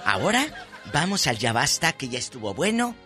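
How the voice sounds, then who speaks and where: A Mexican man with a forceful, rather high voice co-hosts casual radio chat. His delivery swings widely in pitch and stays playful and colloquial. Soft music plays underneath. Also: sing-song, moderate pace. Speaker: radio co-host. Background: faint music.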